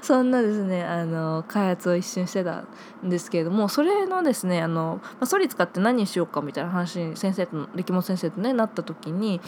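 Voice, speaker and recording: A woman's voice: lowish voice, expressive, fairly quick, darkish tone, a little hiss or hum. A woman in her twenties hosting a solo podcast, chatting casually and reading listener mail, with many filler words. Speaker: podcast host.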